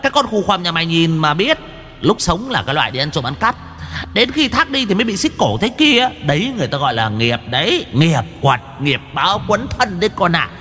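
A man's voice: very animated, a little fast, pushed and bright, in a large hall, faint music behind, full character voice. A man voicing a boastful, chatty male demon who mocks and preaches between wild laughs. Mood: mocking, preachy. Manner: shrill, mocking, preachy, full of wild laughs.

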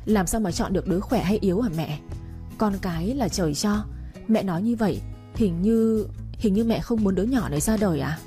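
A woman's voice: mid-range voice, fairly quick, mellow, soft background music, close to an everyday voice. A woman voicing a meek, pregnant young daughter-in-law who speaks politely and pleadingly.

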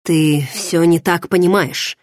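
A man's voice: fairly high pitch, fairly even intonation, slow, no room sound, clean studio sound. A woman reading a tense, insistent nobleman. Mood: defensive. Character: self-assured noble man, tense and pleading. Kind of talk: audiobook character reading.

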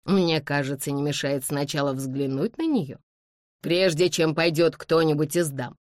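A woman's voice: low-pitched, steady tone, a little slow, a little mellow, dry recording, studio quality. A woman voicing a middle-aged male colonel who speaks eagerly and persuasively in an audiobook.

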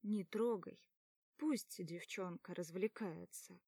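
A woman voicing a calm, easygoing young man with an even, practical manner. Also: on the low side, takes it slowly, husky, no room sound, exaggerated voice.

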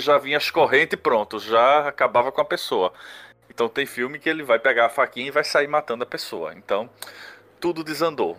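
A man talking casually on a podcast in a mid-pitched voice. He takes his time, trails off and restarts phrases while he hunts for the right word. His speech is steady and unhurried between those pauses. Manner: hesitant, searching for words with many restarts. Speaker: podcast co-host.

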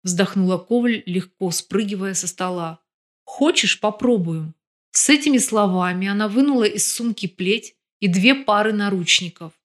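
A woman narrating a fiction audiobook with even, expressive storytelling. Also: mid-range voice, moderate pace, hardly any pauses.

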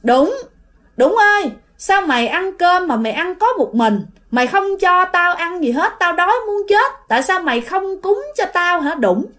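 Cast a woman as a hungry ghost woman with a Southern Vietnamese accent, shrill and demanding, high and loud. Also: lively intonation, normal speed. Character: hungry female ghost mimicking neighbor, shrill.

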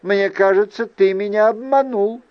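A man reading an audiobook, voicing a wary aristocratic aunt who is a sorceress, with measured, pointed questions. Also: sits high, dry recording, lo-fi sound, pitched above the performer's own voice, natural voice. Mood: cool, probing. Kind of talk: audiobook character voice.

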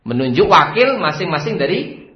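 Animated preacher, echoey lo-fi room. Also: male voice, a little high, moderate pace. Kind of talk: religious lecture. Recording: echoey room, dull lo-fi sound.

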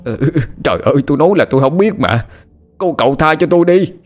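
A man's voice: low voice, expressive, normal speed, faint music behind. A man voicing a frightened, evasive old shopkeeper who talks in a whiny, pleading way. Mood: panicked.

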